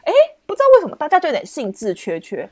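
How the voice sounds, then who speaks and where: A young woman, hosting a podcast and telling a story in casual, expressive chat. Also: fairly high pitch, rapid-fire, no echo. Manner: animated, expressive, lots of restarts and exclamations. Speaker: podcast host.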